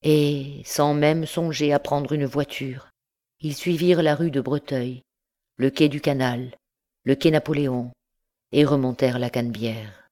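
Woman reading a novel aloud. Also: very deep voice. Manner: measured, expressive reading. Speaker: audiobook narrator. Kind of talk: scripted narration.

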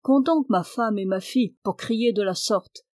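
A woman's voice: medium pitch, a little slow, no echo, clean studio sound, natural voice. A woman doing a furious, bossy country lord. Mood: commanding. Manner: shouting and commanding. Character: cruel, quick-tempered male country lord.

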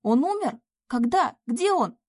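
A woman's voice: sits high, animated, normal speed, a little mellow, no room sound, clean studio sound, pitched above the performer's own voice. A woman voicing a sobbing, pleading young woman. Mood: distraught pleading. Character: tearful young woman begging over her lost cat.

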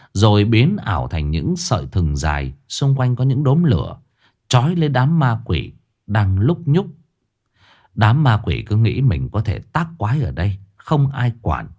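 A man narrating a ghost story in a lively, dramatic scripted reading. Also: fairly low pitch.

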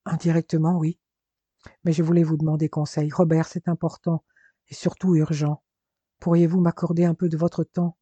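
A man's voice: on the high side, little pitch movement, normal speed, mellow, dry recording, lo-fi sound, lightly acted. A man reading a worried, polite young woman. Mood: urgent, polite. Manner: polite, formal, pleading.

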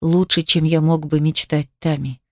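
Brief: woman reads brooding young man, soft low murmur, dry close sound, romance audiobook. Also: flat delivery, normal speed, dry recording. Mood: tender.

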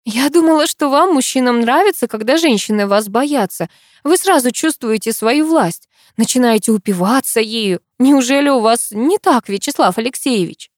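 A woman's voice: a little high, expressive, normal speed, no room sound, clean studio sound, voice pushed up, close to an everyday voice. A woman voicing a frightened but defiant young heroine in an audiobook, speaking in a tense, pleading, raised voice. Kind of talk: audiobook character voice.

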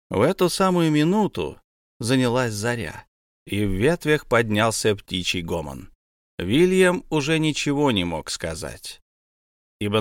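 A man narrating a fantasy tale as an audiobook, telling it in a lively, expressive way. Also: medium pitch, no room sound, clean studio sound.

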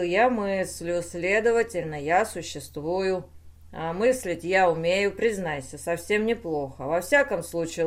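A woman's voice: medium pitch, close to an everyday voice. A woman voicing a drunken, boastful male machine brain that insults its maker. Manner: insulting, then groaning.

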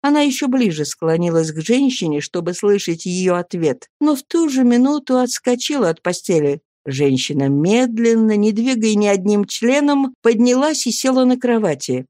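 A woman narrating a classic novel aloud in a measured, expressive reading. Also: mid-range voice, no room sound, studio quality. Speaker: audiobook narrator.

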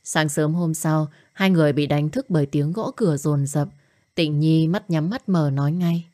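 A woman narrating an audio story in a steady, scripted way. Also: sits low, normal speed.

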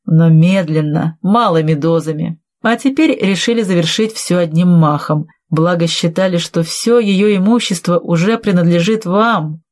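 Woman reading a calm, cutting male investigator. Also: on the low side, close to an everyday voice. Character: calm shrewd male investigator exposing a poisoner.

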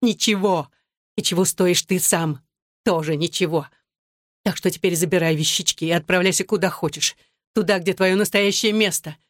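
A reader voicing an adult woman, a betrayed wife, shouting and bitter through tears in an audiobook. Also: mid-range voice, normal speed, no room sound, studio quality, lightly acted. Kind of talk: audiobook narration.

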